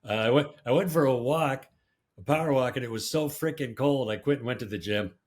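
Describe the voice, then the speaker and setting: A man co-host chats casually, breezy and emphatic, and often checks in with "right?" His voice sits at an ordinary middle pitch for a man. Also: a little fast. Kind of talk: casual panel chat.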